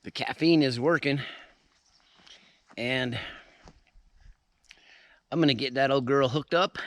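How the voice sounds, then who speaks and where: Slow-talking easygoing male camping vlogger. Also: medium pitch, fairly bright tone, no echo. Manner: easygoing, talks to viewers as "you guys". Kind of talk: casual camping vlog. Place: outdoors at a backcountry campsite.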